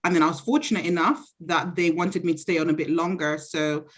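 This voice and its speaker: A woman from Zambia, around thirty, gives casual interview answers. Her voice sits on the low side and she comes across as chatty and sure of herself, often pausing to reflect. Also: fairly even intonation. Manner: chatty, self-assured, reflective. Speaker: interviewee, university graduate.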